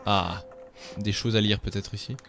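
A man's voice: on the low side, fairly even intonation, normal speed, gravelly, a bit bright, soft background music. A man streaming a game, chatting casually with viewers and cracking self-mocking jokes. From France. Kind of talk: casual gameplay commentary.

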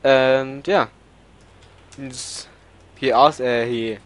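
A man's voice: medium pitch, steady tone, drawn-out words. A man with a German accent, a native German speaker, hosting a casual multiplayer gaming chat and searching for words in English. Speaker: server owner and let's-play host.

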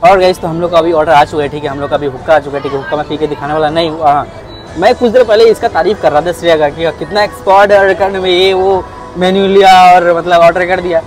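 A young man talks quickly through a casual food vlog, recorded outdoors on a rooftop with a clip-on lapel mic. His voice sits high for a man, and he caps almost every sentence with "theek hai." Faint music plays under him. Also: fairly even intonation, rough recording. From India. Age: young adult. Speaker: food vlogger.

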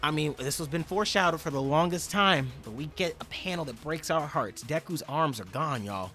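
A man talking through a manga chapter review in a lively, swooping voice that sits a bit high for a man. He chats casually and keeps calling out to his viewers as y'all. Soft music plays faintly behind him. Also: a little fast. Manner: animated and chatty, addresses viewers as y'all. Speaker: manga review channel host.

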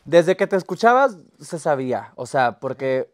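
A man's voice: fairly high pitch, sing-song, moderate pace. A man chatting in a teasing way about a drag competition. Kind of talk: casual chat.

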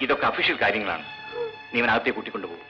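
An actor playing a brisk, commanding male official who gives orders. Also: on the low side, expressive, natural voice. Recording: dull old film soundtrack with music.

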